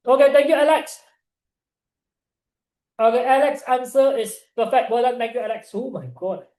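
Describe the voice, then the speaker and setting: A young man with a Malaysian accent tutoring online in informal, Singlish-like English full of local particles, animated and encouraging. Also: very high voice, moderate pace, reverberant, rough recording. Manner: animated, encouraging, peppering talk with "right" and "ah". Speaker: chemistry tutor.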